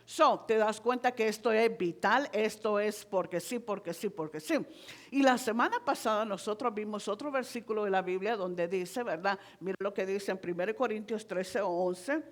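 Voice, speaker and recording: A woman's voice: mid-range voice, moderate pace, hardly any pauses. A woman preaching a Spanish-language sermon in a church, talking conversationally and constantly checking in with the congregation, slipping in English words like "so".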